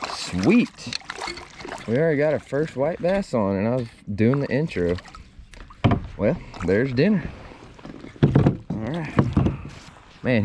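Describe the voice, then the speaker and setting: Laid-back low-voiced man fishing from a kayak. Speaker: angler hosting a kayak fishing vlog. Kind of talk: casual fishing commentary. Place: outdoors in a kayak on a river. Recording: faintly noisy outdoor river recording.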